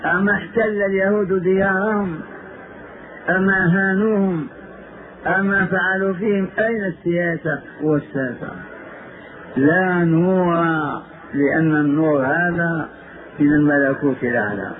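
A man's voice: high voice, moderate pace, pauses often, noisy background. A male Islamic scholar giving a religious lesson, repeating phrases for emphasis and asking rhetorical questions, on a tinny, phone-like old lecture tape. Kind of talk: religious lesson retelling prophetic history.

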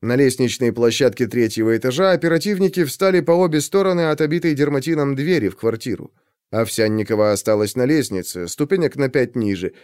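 A man narrating a crime story as a scripted audiobook, in an expressive, dramatic way. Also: medium pitch, brisk, smooth, no echo, studio quality.

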